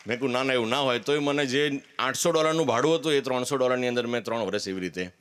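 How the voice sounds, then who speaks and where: A man's voice: mid-range voice, fast talker, a bit bright, clean tone. A man gives a candid, earnest personal testimony at a religious gathering, with emphatic declarations.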